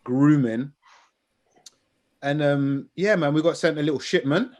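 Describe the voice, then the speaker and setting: A man's voice: a little high, measured pace, darkish tone. A man with a London roadman accent and urban slang, hosting a podcast in casual banter. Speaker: podcast host.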